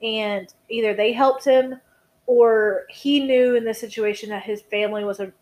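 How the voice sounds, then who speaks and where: A woman's voice: a little high, steady tone, normal speed, a little mellow, rough recording. A tired young woman co-hosting a casual true-crime podcast, rambling, swearing and restarting her sentences. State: tired, yawning. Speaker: podcast co-host.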